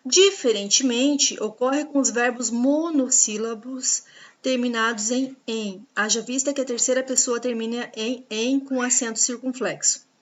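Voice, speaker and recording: A woman teaching a grammar lesson, patiently explaining rules and spelling out examples slowly. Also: fairly high pitch, fairly even intonation, dull audio. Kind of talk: grammar lesson over slides.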